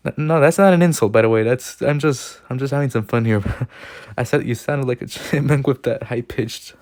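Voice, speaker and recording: A man's voice: medium pitch, normal speed, darkish tone, no echo. A man hosts a casual reaction video with a mid-range voice and a loose, joking delivery that keeps breaking into laughter. The sound is close and dry. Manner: chuckles often, loose and joking. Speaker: host of a railfan video reaction channel.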